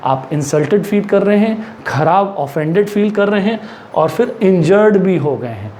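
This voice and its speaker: A man's voice: high-pitched, animated, moderate pace, a little mellow, a little hiss or hum. A man with an Indian accent teaching English words in a mix of Hindi and English, repeating words and asking the viewer questions. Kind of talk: spoken vocabulary lesson in Hindi and English.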